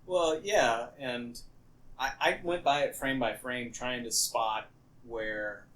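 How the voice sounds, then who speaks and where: A man with an everyday mid-range voice co-hosts a casual podcast. He delivers dry, deadpan remarks and talks through scenes in an easy, conversational way. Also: medium pitch, slow pace, a little hiss or hum. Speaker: podcast co-host. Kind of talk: casual chat.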